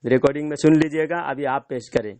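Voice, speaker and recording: A man's voice: a little high, fairly even intonation, darkish tone, no room sound. A man debating over the phone as a cleric, insistent and repeating his demands. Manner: insistent, repeats himself, pressing. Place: in front of an audience.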